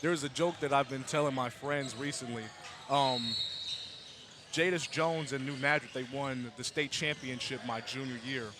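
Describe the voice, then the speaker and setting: A man's voice: mid-range voice, moderate pace, noisy background. A nineteen-year-old man calling a summer basketball game as play-by-play announcer, casual and leaning on "absolutely". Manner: casual, repeats "absolutely", filler-heavy. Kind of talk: sports commentary. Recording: gym ambience with ball bouncing.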